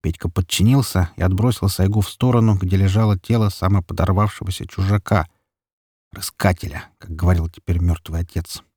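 A man reading a dark story as an audiobook narrator in a steady, even telling. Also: sits low, a little fast, breathy edge, no echo, clean studio sound.

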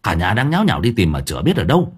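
A man's voice: lowish voice, wildly swooping pitch, rapid-fire, breathy edge, full character voice. A man voicing a frantic male villager who calls out and stumbles over his words. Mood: urgent. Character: frantic male villager bringing urgent news.

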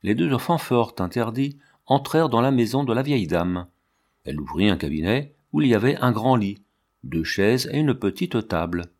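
A man narrating a storybook aloud in a measured, even reading voice. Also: mid-range voice. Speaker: audiobook reader.

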